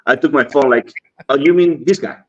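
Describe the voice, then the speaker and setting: A man's voice: medium pitch, fairly quick. A man from the Dominican Republic with a Dominican Spanish accent, telling a story casually, acting out the dialogue and often laughing. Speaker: cigar industry guest. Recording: dull lo-fi stream audio.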